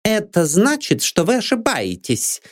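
A man voicing a sharp, haughty young lady's maid who is suspicious and quick to take offence, in a read-aloud storybook. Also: big pitch swings. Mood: scornful. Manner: shrill and indignant.

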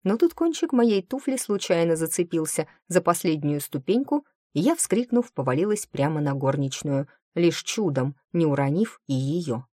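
A woman narrating a first-person fantasy audiobook in a lively, expressive storytelling manner. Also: deep voice, moderate pace, few pauses, no echo, clean studio sound.

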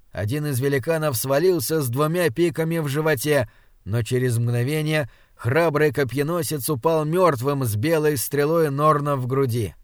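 Male narrator, dramatic steady read, slightly high voice, dry studio. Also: no echo. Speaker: audiobook narrator. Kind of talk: scripted narration.

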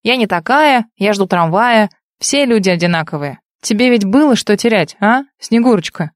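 A cold, sarcastic young man with a dry, mocking delivery, as a woman narrator reads him in an audiobook. The voice sits at a middling pitch, and the recording is close and dry with no room sound. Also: animated, normal speed, dry recording, close to an everyday voice. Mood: irritated.

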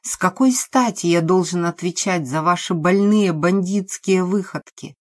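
A woman voicing an agitated middle-aged man who shouts and curses in an audiobook scene. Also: fairly low pitch, expressive, a little slow, slightly rough. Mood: enraged. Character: angry frightened middle-aged man, crude accomplice.

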